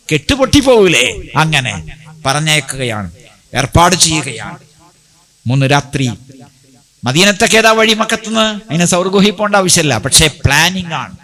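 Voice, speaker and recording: A man preaches a Friday sermon in a mosque. His voice sits a little high. He tells the story with many rhetorical questions and answers each one himself. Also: pushed and bright.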